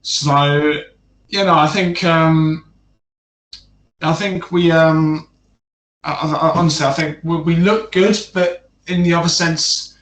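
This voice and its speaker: A man's voice: fairly high pitch, fairly even intonation, slow, fairly bright tone. A man giving his views as a fan guest on a casual podcast, hesitant and rambling with many fillers. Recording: echoey room, distant mic.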